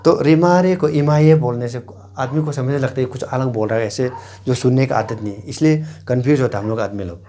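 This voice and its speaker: A man from Arunachal Pradesh talks through an informal language lesson at a middle pitch. He says each example word two or three times, slowly and deliberately, and keeps pointing at areas as he explains. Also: mellow. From Arunachal Pradesh, India. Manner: repeats example words slowly, pointing at regions. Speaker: language teacher.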